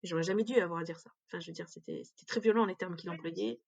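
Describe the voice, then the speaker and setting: A woman's voice: fairly low pitch, quick pace, creaky, slightly rough, highs cut off. A woman giving a candid personal account in an interview, speaking directly and with emotion. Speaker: interview guest.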